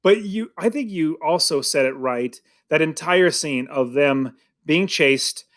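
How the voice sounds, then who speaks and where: A man talks through a movie on a casual podcast, his voice sitting a little high. He rambles, doubles back and restarts his sentences as he goes. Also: animated, a little slow, fairly bright tone. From United States. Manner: rambling, many restarts and fillers. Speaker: podcast co-host. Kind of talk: casual film review chat.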